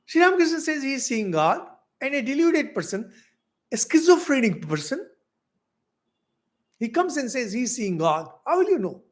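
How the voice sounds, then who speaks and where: A middle-aged Indian man with an Indian English accent, a monk giving a spiritual lecture, asking rhetorical questions with big swings in loudness. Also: very high voice, big pitch swings, moderate pace. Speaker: monk teaching spiritual philosophy.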